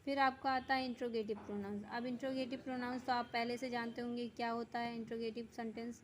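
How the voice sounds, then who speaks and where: Woman teacher, flat steady delivery. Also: on the high side, a little hiss or hum, poor audio. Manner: reads English definitions word by word, then explains quickly. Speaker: school teacher. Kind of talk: grammar lesson, reading definitions slowly and explaining in Hindi.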